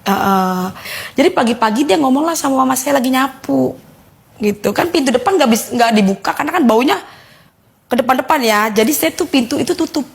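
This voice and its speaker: A woman with a Betawi Jakarta accent giving a casual personal testimony, telling her story in a lively way and acting out the voices of others. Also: high voice, fairly quick, vocal fry, breathy edge. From Jakarta, Indonesia. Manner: animated storyteller who acts out quoted voices. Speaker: guest giving a faith testimony.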